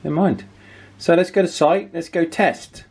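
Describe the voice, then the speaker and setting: With a fairly high yet gravelly, husky, darkish voice, a British man reviews radio gear in a relaxed, conversational video. He keeps a steady tone at normal speed, while loud vehicle and radio noise fills the recording.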